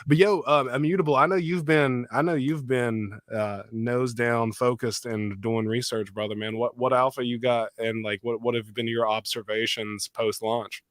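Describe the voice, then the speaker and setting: A Texan man hosts a casual livestream chat, slangy and excitable, loudly greeting his chat. His voice is deep after he was recently sick, and he talks at a moderate pace with hardly any pauses. The sound is dry, with no echo, recorded close on a studio mic through an audio interface.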